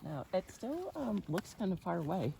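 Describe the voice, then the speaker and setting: A woman's voice: lowish voice, sing-song, normal speed, creaky. A woman chatting casually as a hiking companion, recorded outdoors on a mountain trail. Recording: noisy outdoor hike recording.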